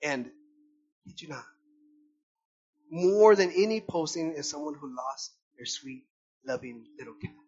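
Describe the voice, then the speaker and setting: A man's voice: on the high side, a little slow, pauses often, slightly rough, dull audio. A man preaching a sermon to his congregation, addressing them as brothers and sisters and acting out voices as he speaks. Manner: animated, acts out voices of people and animals. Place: church service.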